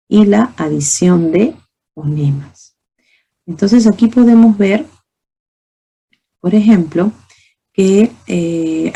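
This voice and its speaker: In a recorded lecture on early reading for other teachers, this woman explains through spoken examples and rhetorical questions, frequently checking understanding with "¿no?". Her medium-pitched voice is gravelly, mellow, and slightly rough.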